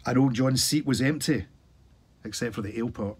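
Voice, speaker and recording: A man, an author, reading his own story aloud in an expressive, animated way. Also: mid-range voice, fairly quick, breathy edge.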